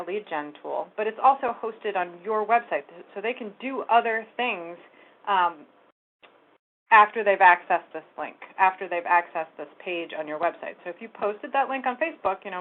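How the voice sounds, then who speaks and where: A woman walks through a website task on a screen recording, explaining each step in a casual, running way. Her voice sits at an ordinary pitch for a woman. The sound is thin and narrow, like a phone line. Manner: casual step-by-step explaining, talks while clicking. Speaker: real estate tech trainer. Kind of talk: screen-share software tutorial. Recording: phone-like narrow band audio.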